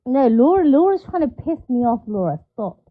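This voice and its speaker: A woman's voice: sits high, very animated, normal speed. A woman talking bluntly and swearing in a casual group chat on a live stream, her voice muffled by a covered mic, as if heard through a wall. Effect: muffled, as if heard through a wall or underwater. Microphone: covered microphone. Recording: muffled phone-like sound.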